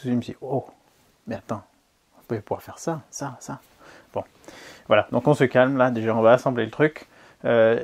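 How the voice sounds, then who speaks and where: A man's voice: medium pitch, a little mellow. A French man hosting a DIY video, talking casually to camera in a cold garage, chatty and self-mocking as he rambles along.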